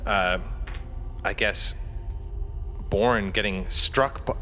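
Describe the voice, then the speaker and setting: A man's voice: lowish voice, slow, pushed and bright, a little hiss or hum. A man playing his character in a tabletop game, describing actions with hesitant fillers. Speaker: player. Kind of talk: tabletop role-play.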